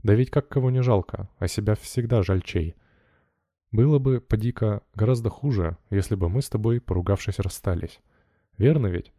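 A man's voice: on the low side, dark tone, no echo, clean studio sound. A man voicing a brash, teasing young male mill worker in an audiobook, with cocky folk speech. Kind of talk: audiobook character reading.

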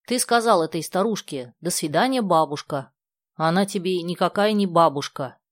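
A woman's voice: lowish voice, lively intonation, moderate pace, dry recording, studio quality, natural voice. A woman reading aloud the lines of a sensible, well-mannered teenage girl with a slightly prim manner.

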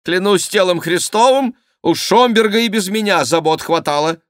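A man voicing an agitated young royal favourite who shouts his outraged complaints. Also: high-pitched, normal speed, dry recording, studio quality, voice pushed up. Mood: indignant.

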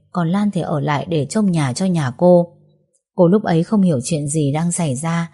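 Mellow woman storyteller. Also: fairly low pitch. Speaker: narrator. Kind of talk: storytelling narration.

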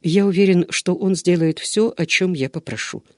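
A man's voice: high voice, moderate pace, dry recording, studio quality, voice pushed up. A man playing a restrained young nobleman. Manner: calm, firm, imploring.

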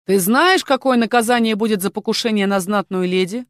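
A woman voicing a male castle guard chief who speaks quietly and confidently, with a cold edge. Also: mid-range voice, a little fast, no room sound, clean studio sound, voice pushed up, lightly acted. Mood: soothing. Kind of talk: audiobook character voice.

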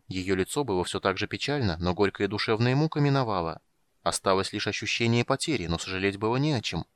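A man narrating a fantasy audiobook in a measured storytelling manner, lending each character a voice. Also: lowish voice, a bit bright, no room sound. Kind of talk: scripted narration.

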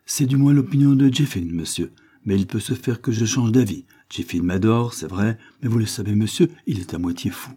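A man's voice: lowish voice, normal speed, mellow, husky. A man voicing a vain, prudish young woman with mincing, affected speech. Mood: haughty.

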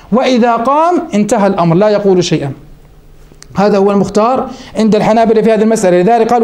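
A man's voice: extremely high pitch, a little mellow. A man teaching a class on Islamic jurisprudence. He explains each step and asks his students questions, then answers them himself. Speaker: sheikh teaching Hanbali jurisprudence. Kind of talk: classroom lesson on a legal text.

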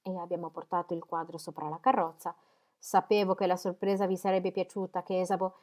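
A woman doing a rambling, fussy older gentleman. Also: fairly low pitch, flat delivery, brisk, natural voice. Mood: chatty. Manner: rambling, chatty, repeats himself.

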